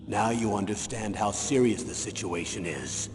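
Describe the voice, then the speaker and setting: An actor playing a grave military colonel in a video game, delivering a commanding briefing. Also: male voice, lowish voice, animated, normal speed, natural voice. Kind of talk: scripted video game voice acting. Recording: echoey hall, noisy ambience.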